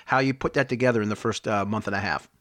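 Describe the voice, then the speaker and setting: Brief: male podcast host, measured and even, close and dry with no room sound. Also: fairly low pitch, no echo. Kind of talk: casual interview.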